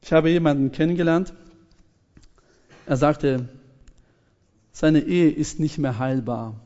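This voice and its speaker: A man preaching a sermon, retelling a parable with lively storytelling, acting out its characters and speaking straight to his congregation. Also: on the high side, slow pace. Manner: addresses the congregation directly. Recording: reverberant hall, dull lo-fi sound.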